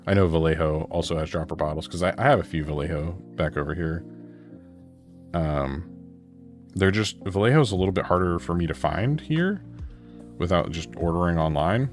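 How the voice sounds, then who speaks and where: While painting miniatures on a livestream, a man with a low, gravelly voice chats casually. He is relaxed and rambling and keeps correcting himself.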